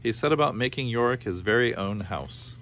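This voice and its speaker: A man reads a children's story aloud in a playful way, adding informal comments along the way. His mid-range voice is animated, a bit bright, and fairly quick, with background noise clearly present.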